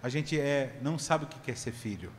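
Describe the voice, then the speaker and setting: A man preaching a sermon as pastor, swinging from loud, stretched shouts to low, quick asides. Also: lively intonation. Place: church hall. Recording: long church reverb, faint background noise.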